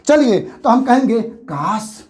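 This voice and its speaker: A man's voice: very high-pitched, expressive, measured pace. A man teaching a grammar lesson for exam preparation, who asks questions and answers them himself and repeats the key terms.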